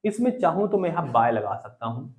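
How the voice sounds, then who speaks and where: Male English teacher with a slightly higher voice, quizzes his class and has them repeat phrases. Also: very animated, a little fast. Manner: drills a class with repeated questions. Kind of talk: classroom lesson in Hindi and English.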